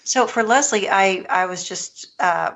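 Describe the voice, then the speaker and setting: A woman's voice: medium pitch, a little slow, fairly bright tone, lo-fi sound. A woman co-hosting a podcast, chatting casually with informal, hesitant phrasing. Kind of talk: casual group chat.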